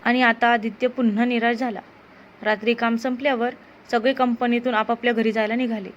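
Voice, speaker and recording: A woman with a fairly high voice reads a romance story in a steady, plain narrating manner. The recording is a little dull in tone, and a faint hiss runs underneath. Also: a little fast.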